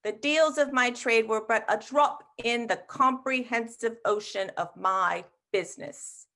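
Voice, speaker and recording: A woman's voice: a little high, measured pace, pushed and bright. A woman voicing the anguished ghost of an old businessman in a put-on English accent, declaiming with feeling. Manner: declaiming, pleading.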